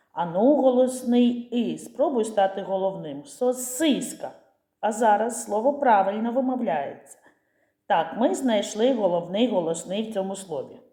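A woman teacher giving a lesson to young children, drawing out words slowly and calling them out to show the stressed vowel. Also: medium pitch, warm tone, roomy sound.

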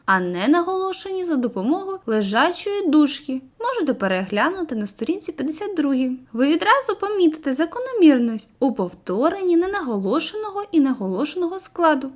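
A woman reading a school literature textbook aloud, with expressive delivery that slows for the verse passages. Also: sits high. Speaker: textbook reader.

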